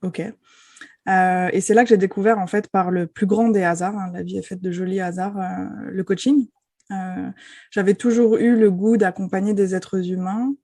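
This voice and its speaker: A woman's voice: medium pitch, steady tone, moderate pace, mellow, dry recording. French woman with a dry, close sound. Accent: Parisian French. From France. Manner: thoughtful, many hesitations. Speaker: guest, enneagram expert. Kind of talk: casual chat.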